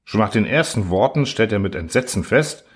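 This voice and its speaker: A man reading a story aloud in measured scripted narration. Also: on the low side, lively intonation, slightly rough. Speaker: audiobook reader.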